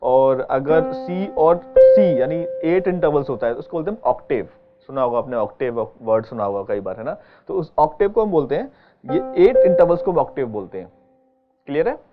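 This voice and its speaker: Male music teacher, step-by-step explainer, fairly high voice, muffled recording with piano playing. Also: expressive, moderate pace. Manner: patient, explaining step by step with frequent check-ins. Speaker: keyboard teacher. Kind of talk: online music lesson. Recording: dull lo-fi sound with keyboard playing behind.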